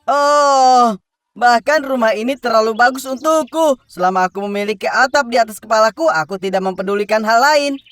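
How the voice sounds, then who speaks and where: A woman's voice: on the high side, moderate pace, a bit bright, faint music behind, close to an everyday voice. A woman voicing a carefree, stubborn, cocky little pig in a children's cartoon fairy tale. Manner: boastful, dismissive.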